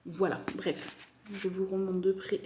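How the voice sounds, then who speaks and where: A woman's voice: mid-range voice, level tone, measured pace, mellow, slight background noise. Chatty French woman unboxing a craft kit. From France. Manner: chatty, enthusiastic, many fillers and repeats. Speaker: crafting vlogger. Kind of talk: casual unboxing chat.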